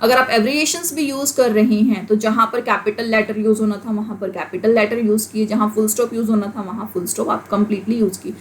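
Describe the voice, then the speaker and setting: A woman with an Indian accent teaching an English class, explaining in Hindi mixed with English and reading the English example sentences out slowly. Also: mid-range voice, fairly even intonation, slight background noise. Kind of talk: classroom lecture.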